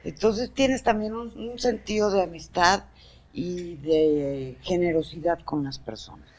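A woman's voice: on the low side, unhurried, a little mellow. Host: friendly, teasing Mexican woman, short, prodding questions. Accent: Mexican Spanish. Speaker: interview show host. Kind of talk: casual interview chat.

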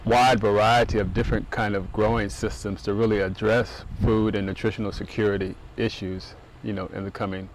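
A middle-aged man giving steady, thoughtful answers in an outdoor interview on a farm. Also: lowish voice, slight background noise, low-quality recording. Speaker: urban agriculture center director. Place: outdoors on a farm, seated on a bench.

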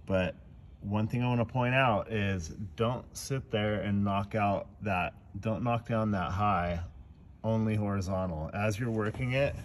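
Deep-voiced guy walking through a dent repair outside on his phone, slow and easygoing, bit of faint noise. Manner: relaxed, explanatory, talks between tasks. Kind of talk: casual how-to narration while working. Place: outdoors in a parking lot beside a car.

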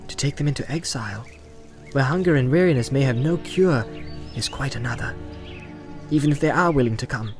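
A man voicing an earnest, troubled young male hobbit in an audiobook, speaking in a thoughtful, measured and gently firm way. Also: mid-range voice, over music, natural voice. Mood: grave, earnest. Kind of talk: audiobook character voice.

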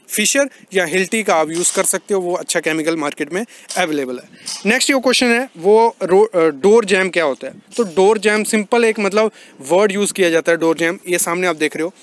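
A young man, a civil engineer, walking a building site with a phone camera and explaining construction terms step by step. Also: high-pitched.

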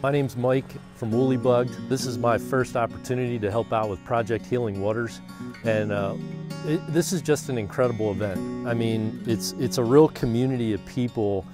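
A man in his forties gives an earnest outdoor interview, stopping and repeating words as he talks. His voice sits at a middle pitch. Loud guitar music plays under him the whole time. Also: normal speed. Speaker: volunteer fishing guide. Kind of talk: interview to camera. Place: outdoors by a building.

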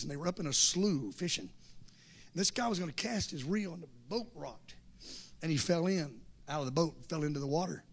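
A man preaching a revival sermon to a congregation, impassioned and building to shouts with repeated refrains. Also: fairly high pitch. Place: church service before a congregation.

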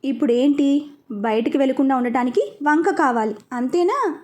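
A woman's voice: high-pitched, animated, normal speed, darkish tone. A woman voicing a playful, scheming old grandmother who teases her granddaughter. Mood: teasing. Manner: playful, teasing.

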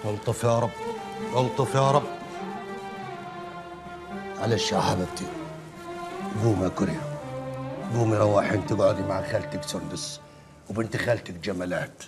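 A man's voice: fairly low pitch, a little fast, long pauses, loud music behind the voice, natural voice. An actor playing an older Egyptian uncle who soothes and placates his family. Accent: Egyptian Arabic.

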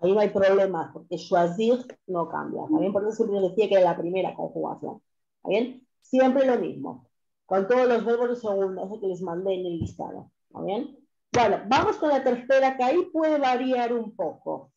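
A woman teaching a language class over a video call, patient and explanatory, pausing often to check that everyone follows. Her voice is mellow and low-key. The audio is dull and lo-fi, like a compressed online class. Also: animated, vocal fry. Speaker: French teacher.

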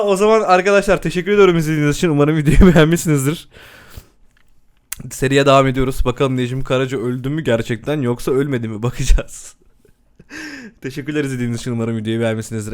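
A young man giving loud, excitable commentary while playing a life-simulation game, laughing and exclaiming often. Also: mid-range voice. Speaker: gaming YouTuber. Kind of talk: excited let's-play commentary.

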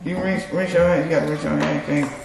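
A woman's voice: sits low, fairly even intonation, fast talker, vocal fry. A young woman chatting casually to her viewers as she seasons steaks in her home kitchen, laughing often and calling them y'all. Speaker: vlogger cooking with her boyfriend. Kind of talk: casual cooking vlog chat. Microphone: camera mic across the kitchen. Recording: echoey kitchen with loud background noise.

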